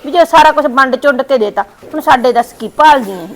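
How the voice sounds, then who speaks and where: A woman playing a sharp sister-in-law who bargains over land, with a Punjabi accent. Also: very high-pitched, brisk. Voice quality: tart, needling. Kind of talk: village family skit acting.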